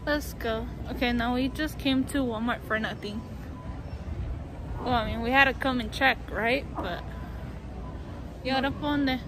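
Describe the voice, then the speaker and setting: A woman's voice: fairly high pitch, steady tone, normal speed, pauses often. A young woman talking through a face mask while vlogging casually inside a store, chatting and slipping into Spanish phrases. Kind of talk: casual vlog chat. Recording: noisy store background.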